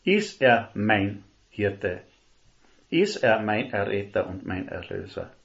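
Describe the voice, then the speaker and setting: A man preaching a sermon, earnest and emphatic, slowing down to stress key words. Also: on the low side, sing-song, gravelly. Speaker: lay preacher. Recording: dull lo-fi recording.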